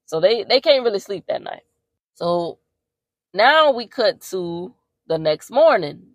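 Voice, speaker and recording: A woman podcast host giving a casual movie recap, telling it in an animated, slangy way with plenty of profanity. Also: mid-range voice, measured pace, dry recording.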